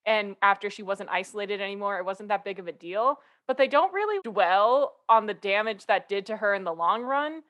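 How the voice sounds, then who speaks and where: A young woman co-hosting a podcast, chatting casually about a book with animated, sarcastic energy and free swearing. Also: medium pitch, normal speed, hardly any pauses. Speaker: podcast co-host.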